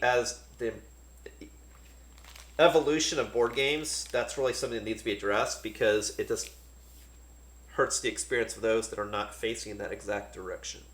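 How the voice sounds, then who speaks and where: A man casually talking through a board game unboxing, relaxed and thinking aloud with many fillers. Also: mid-range voice, echoey room.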